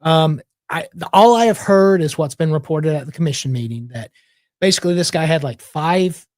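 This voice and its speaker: Guy running for mayor, calm measured answers, dry close sound. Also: fairly high pitch, no room sound. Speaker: mayoral candidate guest. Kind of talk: interview answers.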